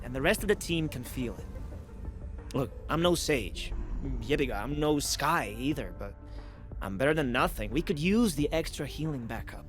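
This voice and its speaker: An actor playing a protective, earnest soldier in a game, talking informally. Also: male voice, fairly high pitch, lightly acted. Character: protective male soldier medic, earnest, gruffly caring. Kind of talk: scripted video game voice message. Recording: music behind the voice.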